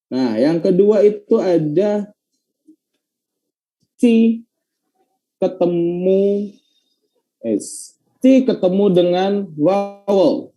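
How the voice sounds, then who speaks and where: A young man tutoring pronunciation online, his voice slightly high yet deeply dark and mellow. He explains patiently and says the example phrases again and again at a slow, careful pace. English phrases slip into his teaching talk. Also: poor audio.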